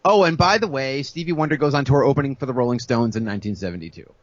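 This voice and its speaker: A man co-hosting a podcast, telling a music-history story in a casual, animated way, acting out the people he quotes and laughing often. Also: medium pitch, quick pace, dry recording, lo-fi sound. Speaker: podcast co-host.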